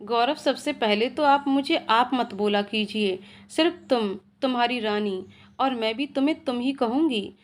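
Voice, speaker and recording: A woman's voice: on the high side, normal speed, close to an everyday voice. A woman voicing a playful, affectionate young woman calling on the phone in a storybook tale. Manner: teasing, affectionate. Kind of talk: storybook narration.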